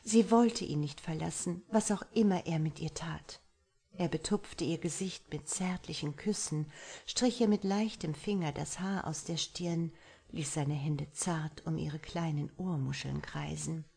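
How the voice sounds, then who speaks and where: A woman narrating a romance novel as an audiobook, reading softly and intimately, at times sinking into a whisper. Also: deep voice, a little slow, creaky, breathy edge.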